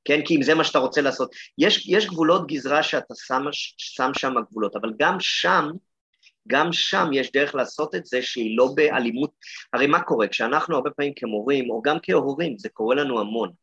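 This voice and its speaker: A man's voice: medium pitch, sharp tone, slightly rough, dry recording, lo-fi sound. A man who is an educator and podcast co-host, thoughtfully telling classroom stories, often restarting his sentences. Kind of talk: reflective casual chat.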